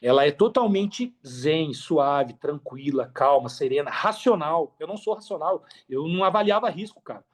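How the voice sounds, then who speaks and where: A Brazilian podcast guest who works in affiliate marketing talks at normal speed with few pauses. His voice is on the high side with lively intonation, and his casual storytelling is expansive, slangy and emphatically repetitive.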